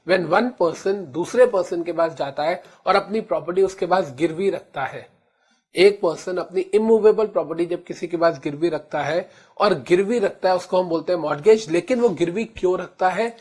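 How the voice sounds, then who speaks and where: An Indian man teaching law in a lecture, calling his students children and slowly repeating key terms. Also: high-pitched, a little mellow, slightly rough. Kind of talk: classroom lecture in Hindi-English mix.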